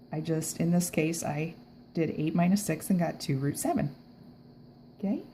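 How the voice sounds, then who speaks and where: A woman teaches a math lesson in a relaxed, chatty way, often stopping to check in with "okay?". Her voice is soft and mellow, not bright. A faint noise sits under the recording. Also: medium pitch, low-quality recording. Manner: chatty, filler-heavy, says okay often. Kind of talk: casual video lesson. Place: outdoors in a backyard, then recording a screen lesson.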